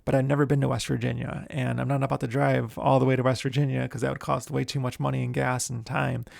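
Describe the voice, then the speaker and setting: A man who hosts a screenwriting show, giving writing tips in a relaxed, chatty way. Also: mid-range voice, fast talker, gravelly, no echo, studio quality. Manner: relaxed, chatty, many fillers. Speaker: screenwriter and podcast host. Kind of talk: casual instructional talk.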